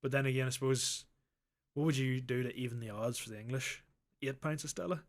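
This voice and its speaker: A man's voice: medium pitch, fairly quick. A man co-hosting a comedy podcast, riffing crudely and swearing often. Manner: crude, swearing, riffs on jokes. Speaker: co-host. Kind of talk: comedic radio-style podcast banter.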